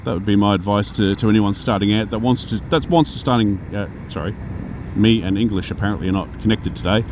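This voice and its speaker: A man with a broad Australian accent speaks in a low register. He teaches informally and without a script, wandering and correcting himself as he talks to viewers. Heavy noise runs behind his voice throughout. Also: steady tone, fast. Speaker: spiritual teacher and video host.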